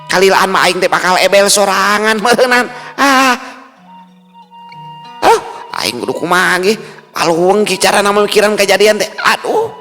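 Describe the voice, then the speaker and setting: A man's voice: high voice, moderate pace, long pauses, bright, forceful tone, pitched above the performer's own voice. A man voicing a bewildered village man lost near a haunted tree, muttering to himself and chanting spells. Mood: fretful. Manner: fretful, muttering to himself, then chanting incantations. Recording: long reverb with faint music.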